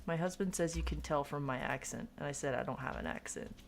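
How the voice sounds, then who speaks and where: While gaming, an Oklahoma streamer with a light local accent rambles to her chat in a casual, self-mocking, giggly way. She has a low, creaky voice and talks fast, with a little hiss or hum in the audio.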